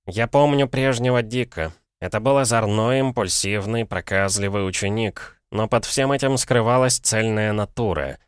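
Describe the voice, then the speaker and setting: A man's voice: on the low side, moderate pace, hardly any pauses, clean tone, no room sound, studio quality, pitched above the performer's own voice, close to an everyday voice. A man voicing an earnest, mild-mannered schoolmaster lecturing a pupil in an audiobook.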